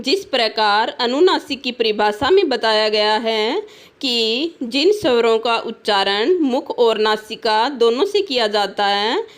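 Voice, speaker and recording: A woman teaching a grammar lesson, reading word lists one word at a time and speaking to children. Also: a little high. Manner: deliberate, reads each word separately and addresses children. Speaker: Hindi teacher.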